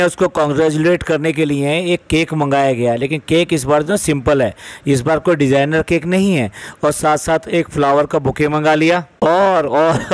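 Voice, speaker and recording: A man talks in a raised, fairly high register, his commentary biting and sarcastic as he picks apart other people's online habits. The sound is close and dry, with no room around it. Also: no echo. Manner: sarcastic, mocking. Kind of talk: critical commentary on vloggers.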